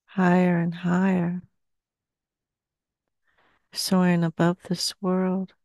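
Close on a headset, with no echo and a dry sound, an older woman around sixty speaks as an entranced seance medium. She keeps a solemn, very steady pitch, letting long silences fall between short phrases, in a small, dimly lit room indoors.

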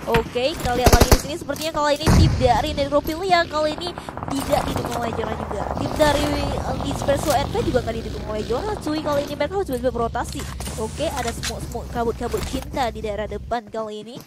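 A woman giving energetic live esports commentary, chatting to viewers. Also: high-pitched, fast, heavy background noise. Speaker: esports caster. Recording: loud game gunfire behind.

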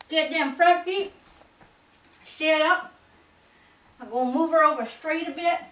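Lady playing a folksy high-voiced dog show expert, slow and bossy, roomy far-off sound. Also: a bit bright. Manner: folksy, ungrammatical, self-assured. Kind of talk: comedic character tutorial. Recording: roomy sound from a distant mic.

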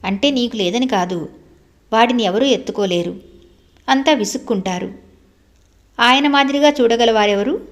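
A woman narrator voicing a gentle, caring young girl who speaks in a soft, slow, consoling way within a storybook reading. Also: on the high side, voice pushed up, lightly acted.

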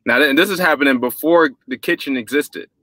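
A man's voice: mid-range voice, a little fast, pushed and bright, no room sound. A man hosting a video call interview from a parked car, mostly giving short agreeing replies. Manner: brief agreeing backchannels. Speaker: host. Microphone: video call webcam.

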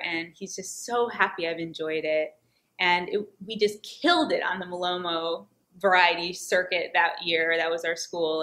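A woman from the United States, a former volunteer teacher, tells a personal story with an expressive, animated delivery. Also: fairly low pitch. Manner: expressive, animated delivery that acts out quoted lines. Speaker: returned Peace Corps volunteer, former teacher.

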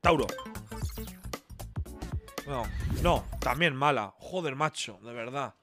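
A young man with an accent from Spain, commentating a quiz game on a live stream. He talks excitably, swears often and bursts into shouts. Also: medium pitch, measured pace, over music.

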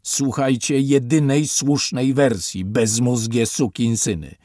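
A man voicing a foul-mouthed, bullying military intelligence officer who shouts threats in an irritating voice. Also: fairly low pitch, very animated, a little fast, vocal fry, husky, no echo, clean studio sound, full character voice. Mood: furious shouting. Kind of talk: audiobook character voice.

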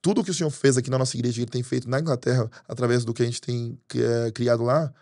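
A Brazilian pastor in his thirties talks fast in a podcast studio, spilling stories with animated gestures. His voice is mellow and dark, and stays even and level in pitch. The sound is dry and close to the desk microphone. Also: no echo. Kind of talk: podcast interview. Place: studio with green curtains. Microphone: desk mic on arm.

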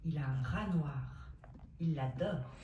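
A mother reading a short story aloud to her children in a slow, expressive voice. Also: sits low, roomy sound, far from the mic, slight background noise, pitched below the performer's own voice.

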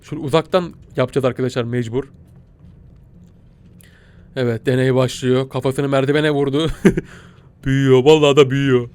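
A young man commentating a game he plays, panicking, shouting and laughing in mock fear. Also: mid-range voice, fairly even intonation, moderate pace, long pauses, smooth. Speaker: gaming YouTuber. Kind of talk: excitable gameplay commentary.

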